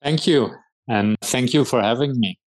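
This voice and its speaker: A middle-aged Dutch startup founder from the Netherlands answers interview questions in a measured way, hesitating often. His voice is mid-range, and the audio is poor.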